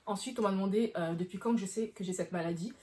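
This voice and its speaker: A woman vlogger answers questions in casual, informal chat to camera, explaining things and frequently rephrasing herself as she goes. Her mid-range voice is warm in tone, and she talks fast.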